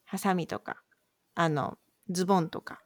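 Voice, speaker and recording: A woman's voice: on the low side, animated, moderate pace, darkish tone, dry recording, studio quality. A woman co-hosting a casual podcast, patiently explaining words in a chatty, conversational way. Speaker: podcast co-host posing quiz words.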